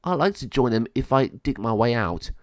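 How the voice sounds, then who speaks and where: A man's voice: medium pitch, expressive, normal speed, a little mellow, dry recording, close to an everyday voice. A man voicing a plucky, determined caged male dog in a storybook, earnest and encouraging.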